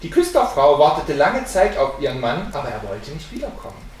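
A woman reads a fairy tale aloud in an expressive, lilting voice. Her pitch moves a lot. The recording sounds like a very echoey room with the mic far away. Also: a little fast, a little hiss or hum. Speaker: reader. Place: library.

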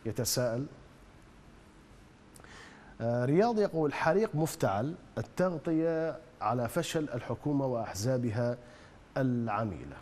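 A man hosting a call-in show, reading out messages and briskly greeting the callers. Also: mid-range voice, expressive, a little mellow, big-room sound, a little hiss or hum. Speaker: host.

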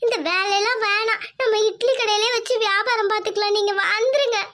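A woman doing a worried village wife, very high. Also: fairly even intonation, fairly quick, bright, forceful tone. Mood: upset, pleading. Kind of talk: cartoon voice acting.

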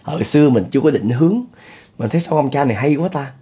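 A man's voice: medium pitch, expressive, fast, mellow, husky. A middle-aged man with a Southern Vietnamese accent, hosting and telling a spoken ghost story in a chatty way, talking to his listeners. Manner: chatty, addresses listeners, chuckles often. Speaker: storyteller host.

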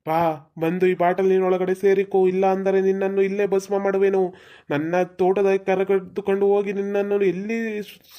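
A performer voicing a stern old male exorcist in a cartoon, speaking in slow formal commands. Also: medium pitch, highs cut off, lightly acted.

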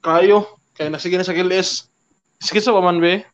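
A man's voice: high voice, steady tone, moderate pace. A young man chatting and joking with friends in a casual vlog, mimicking other vloggers' intros. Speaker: vlogger doing impressions. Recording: dull lo-fi sound.

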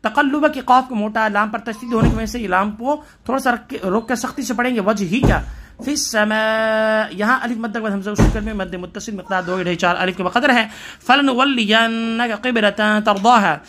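A man's voice: high voice, fairly bright tone, a little hiss or hum. A man from Pakistan teaching tajweed, reciting verses and explaining each letter rule step by step, stopping now and then to correct himself.

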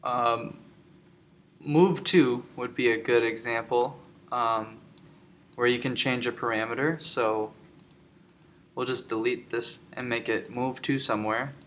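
A man giving a screen-recorded software tutorial, explaining step by step with many filler ums. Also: mid-range voice, steady tone, takes it slowly, long pauses, a little hiss or hum. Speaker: tutorial instructor.

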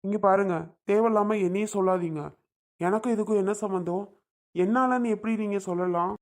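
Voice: medium pitch, brisk, lightly acted. A performer playing a young husband who defends himself against his father-in-law's blame in a family drama skit. He speaks in a pleading, defensive way. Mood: indignant.

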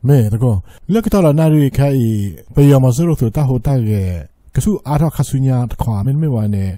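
A man's voice: mid-range voice, big pitch swings, moderate pace, mellow, dry recording, clean studio sound. A man co-hosting a casual chat, chatty and dropping in short interjections.

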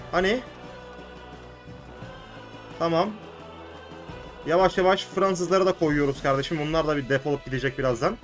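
High-voiced young man ranting over gameplay. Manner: animated, exclaiming and swearing at the game. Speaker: gaming channel host. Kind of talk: excited let's-play commentary.

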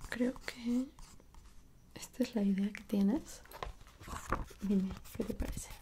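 A young woman with a Mexican accent in an ASMR role-play as a dressmaker, speaking softly and attentively straight to the listener. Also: medium pitch, steady tone, background noise. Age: young adult. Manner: soft, unhurried, attentive, speaking directly to the listener. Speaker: ASMR performer playing a dressmaker. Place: small indoor room at home.

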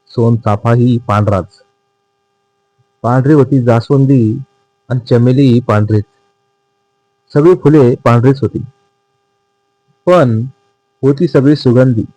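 Man narrating a children's tale, sing-song cadence, slow and mellow. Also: mid-range voice, dry recording, poor audio. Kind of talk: reading a children's textbook story aloud.

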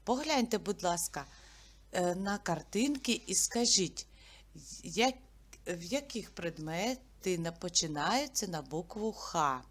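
Slow, careful woman teaching young children. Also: lowish voice, lively intonation. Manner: slow, careful enunciation of sounds and syllables; prompts children with questions. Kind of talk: children's literacy lesson.

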